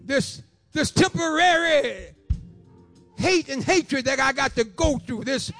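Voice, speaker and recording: A man in his seventies with a very high-pitched voice gives a fervent preaching testimony, repeating phrases rhythmically and breaking into shouts and half-sung lines.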